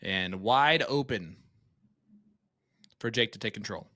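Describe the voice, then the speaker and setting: Joking male darts commentator, bright voice. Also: lowish voice, lively intonation, slow, no room sound, clean studio sound. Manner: joking, banter-filled. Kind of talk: live sports commentary.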